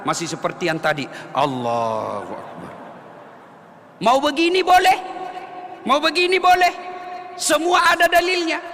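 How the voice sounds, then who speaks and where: A man from Sulawesi preaching a humorous sermon, joking, shouting and chanting at times. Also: very high-pitched, a little hiss or hum. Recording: echoey hall, faint ambience.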